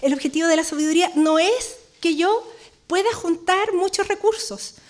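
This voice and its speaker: A woman's voice: very high-pitched, moderate pace. A woman teaching a Bible study in a conversational way, often checking in with her listeners.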